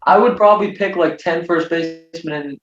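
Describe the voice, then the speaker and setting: A man with a fairly high voice chats casually on a podcast, wry and teasing. His voice sounds roomy and a little dull, as if recorded with some distance in a reflective room. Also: normal speed, a bit bright. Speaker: podcast co-host. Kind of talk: casual chat.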